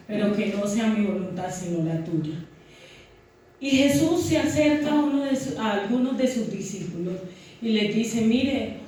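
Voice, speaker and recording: A woman's voice: mid-range voice, a little mellow, slight background noise. A woman preaching a sermon in a church, teaching the passage and asking her congregation questions. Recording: echoey church hall, mic from far off.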